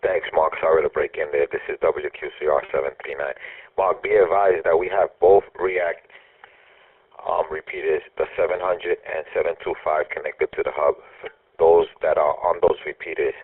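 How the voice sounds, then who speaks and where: A man reporting to a net control station during a casual ham radio net, talking haltingly with frequent ums, heard over a thin, static-laden radio transmission. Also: extremely low pitch, fairly even intonation, breathy edge, no echo. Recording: distant, dry, phone-like radio audio.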